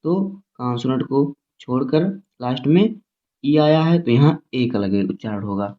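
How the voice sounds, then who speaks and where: Man teaching phonics over tinny audio. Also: mid-range voice. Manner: repetitive, slow, spells words out letter by letter. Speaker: English teacher. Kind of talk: classroom phonics lesson.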